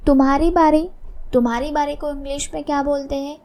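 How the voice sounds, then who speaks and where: Woman English tutor, high voice with fry, mellow tone, patient and repetitive delivery. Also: fairly even intonation. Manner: repeats each phrase slowly, explaining in Hindi. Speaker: English teacher. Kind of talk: spoken English lesson.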